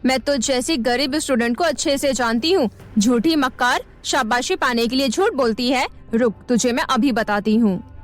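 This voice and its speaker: A woman's voice: high-pitched, moderate pace, faint music behind, lightly acted. A woman voicing an arrogant, hot-tempered drawing teacher who scornfully accuses a pupil.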